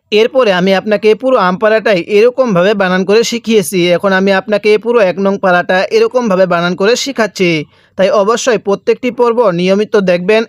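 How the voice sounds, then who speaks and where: A man teaching Quran reading, drawing out each recited phrase slowly and then explaining pronunciation in plain speech, with a Bangladeshi Bengali accent. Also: high-pitched, no room sound, clean studio sound. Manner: drawn-out chanted recitation between plain explanations. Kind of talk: slow recitation lesson with repeat-after-me drills.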